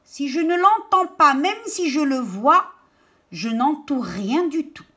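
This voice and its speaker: A woman teaching a reading lesson to young children, stressing and repeating each word slowly and deliberately. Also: high voice, lively intonation, sharp tone.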